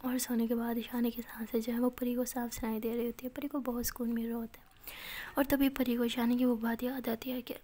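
A woman narrating a love story in a casual, chatty way, often speaking softly, close to a whisper. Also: fairly high pitch, little pitch movement, a little fast.

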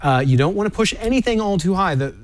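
A man's voice: high-pitched, lively intonation, fast. A man explaining how to overclock a graphics card in a cautionary, instructive way. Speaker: tech demo guest explaining overclocking. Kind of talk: explanatory studio segment.

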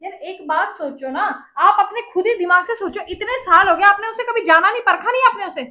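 A woman's voice: very high-pitched, fast talker, sharp tone, dull audio. A young woman in a home argument with her husband, who repeats her demands insistently and indignantly. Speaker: wife being pranked. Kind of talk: heated domestic argument. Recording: echoey room.

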